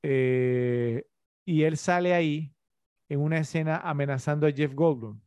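A man's voice: fairly high pitch, unhurried, darkish tone, clean tone, no echo. A man co-hosting a casual film podcast, opinionated and quizzing his co-hosts. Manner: opinionated, questions the others. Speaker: podcast co-host.

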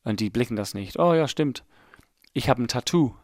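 Hosting his own casual podcast in German, this late-thirties man from England keeps his English accent while he rambles and mocks himself, thinking out loud. He speaks at normal speed in a mid-range voice with lively intonation, and the studio-quality recording is dry.

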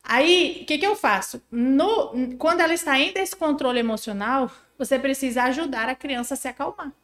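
A woman's voice: high-pitched, normal speed, reverberant. A woman on a podcast explaining parenting step by step, acting out what a child and a parent say. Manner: animated, acts out child and parent voices. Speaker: guest parenting expert.

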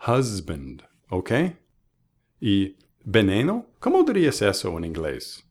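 A man teaching English pronunciation in a bilingual lesson, modeling each word slowly and contrasting wrong and right versions. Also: low-pitched, wildly swooping pitch, darkish tone. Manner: slow, deliberate, models words by contrast. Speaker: language teacher.

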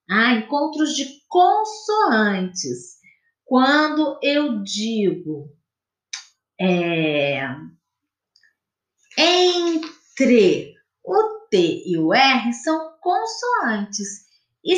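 Slow, lively Brazilian woman teacher. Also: high-pitched. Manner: slow, patient explaining, spelling out sounds and syllables. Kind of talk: recorded classroom lesson for pupils. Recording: echoey room.

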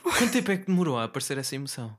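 Low-voiced Portuguese woman interviewer. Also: very animated, very fast. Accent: European Portuguese. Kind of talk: casual conversational interviewing.

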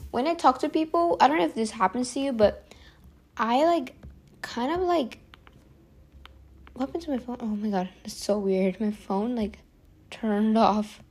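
A young woman talking casually to the camera, rambling with lots of "like", restarts and sighs, sometimes dropping quieter and slower. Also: a little high. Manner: rambling, heavy use of "like", frequent sighs and restarts; often drops to a quieter, slower voice. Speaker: vlogger. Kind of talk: casual confessional monologue to camera.

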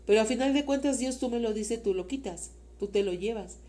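A woman's voice: fairly high pitch, a little fast, mellow. A woman with a Mexican accent, a mother talking with her son in an interview, earnest and faith-filled, rambling with many fillers. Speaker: interview guest, mother of the host. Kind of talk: casual heartfelt conversation.

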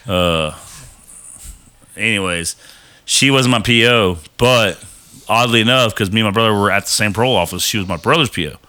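Bright-voiced man telling a rambling, profane story. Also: fairly low pitch, normal speed, long pauses. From Texas. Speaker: podcast guest. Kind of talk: casual chat.

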